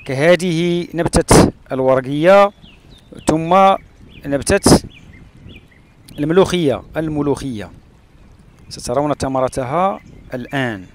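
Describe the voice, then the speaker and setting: A man from Morocco narrating his travels along a rural road and through a palm oasis, pausing often with "uh" fillers. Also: fairly high pitch, slight background noise. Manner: hesitant, with frequent "uh" fillers and pauses. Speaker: travel vlogger.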